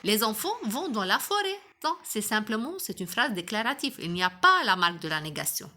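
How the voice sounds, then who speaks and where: A woman teaching a grammar lesson to young pupils, patient and affectionate, slowly spelling out and repeating examples. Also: mid-range voice, sing-song, bright, forceful tone. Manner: patient, affectionate, addresses children directly. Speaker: primary school teacher.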